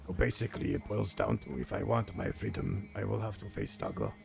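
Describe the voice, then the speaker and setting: A man acts out a grumpy old man, a weary, fatalistic veteran of a crime organization in a role-play game. His voice is low and heavily creaky, with gravelly grit. He speaks gravely and haltingly, though his pitch moves around a good deal. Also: big pitch swings, exaggerated voice. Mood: weary, grim. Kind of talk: improvised online role-play.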